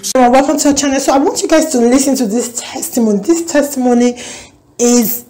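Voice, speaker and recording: A woman hosting a channel, introducing the clip in a voice-over with an urging tone and drawn-out emphasis. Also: high-pitched, warm tone, soft background music. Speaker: channel host.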